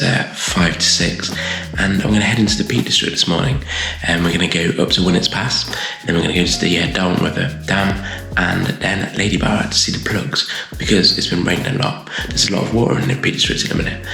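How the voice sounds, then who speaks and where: A man vlogging in a hushed half-whisper at home in the early morning. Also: low voice, steady tone, quick pace, creaky, hardly any pauses, reverberant, faint music behind, rough recording. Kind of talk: casual vlog to camera.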